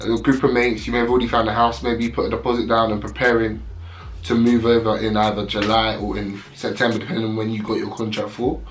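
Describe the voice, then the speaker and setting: A man's voice: on the low side, little pitch movement, fast. A young British man, a student, chatting casually and playfully to camera at home, sitting close to the mic. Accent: British English. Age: young adult. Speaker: student vlogger. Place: at home, indoors. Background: background music.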